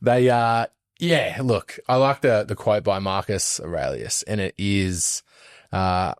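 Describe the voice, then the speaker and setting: Male host, lower-pitched, affirming and relaxed interviewer; dry studio sound. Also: no echo. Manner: encouraging, lots of quick affirmations. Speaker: podcast host. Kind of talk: casual interview.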